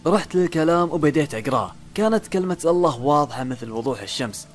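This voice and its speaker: A man narrating a first-person horror story, building suspense with dramatic pauses and questions to himself. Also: on the high side, animated. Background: faint background music.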